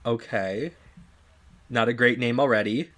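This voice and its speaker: A man co-hosting a casual history podcast, excitable and jokey, with quick asides. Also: medium pitch. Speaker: podcast co-host.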